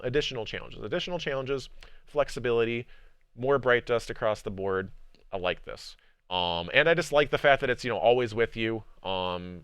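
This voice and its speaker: A man streamer chatting casually about a video game, rambling, repeating words and filling gaps with ums and likes, getting animated when making a point. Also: fairly low pitch, smooth, no room sound. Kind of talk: casual livestream game discussion.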